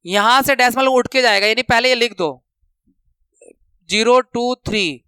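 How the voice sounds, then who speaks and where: A man teaching a maths lesson, counting steps out loud and repeating the rules for students to remember, speaking terms. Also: very high-pitched, measured pace, smooth, no room sound. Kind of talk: classroom lesson explanation.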